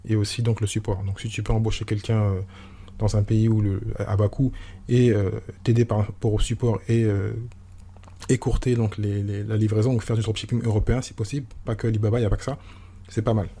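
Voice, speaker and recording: A man's voice: fairly low pitch, little pitch movement, fairly quick, warm tone, husky. A man hosting a solo podcast, talking informally and rambling with many restarts and fillers. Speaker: podcast host.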